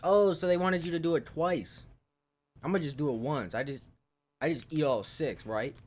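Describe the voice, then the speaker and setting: A man's voice: a little high, moderate pace, darkish tone. A young man streaming, chatting casually to his viewers in slang with plenty of swearing. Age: young adult. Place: small bedroom, indoors.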